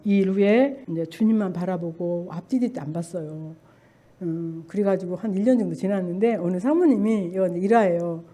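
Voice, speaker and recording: A woman's voice: on the low side, a little fast, dark tone. An older woman, a church deaconess, telling her spiritual testimony in an earnest, fervent way and urging her listeners on. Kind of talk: emotional spoken testimony.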